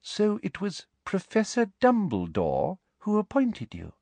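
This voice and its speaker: A man's voice: high-pitched, wildly swooping pitch, a little slow, no room sound, pitched above the performer's own voice, full character voice. Man putting on a sugary, cold woman inspector. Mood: sweetly probing. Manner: soft, sugary, coldly polite. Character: woman, prim sweetly menacing school inspector.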